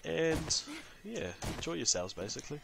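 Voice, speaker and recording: A New Zealand-accented gaming channel host rambles through a casual let's-play, chatting to viewers and talking to himself in between. His fairly high voice swings widely in pitch at a normal speed, with some vocal fry, and there's background noise.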